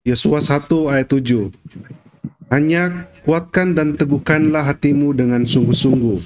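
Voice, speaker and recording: A man interviewing a guest, who reads a scripture passage aloud in a steady, measured way. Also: medium pitch, background noise.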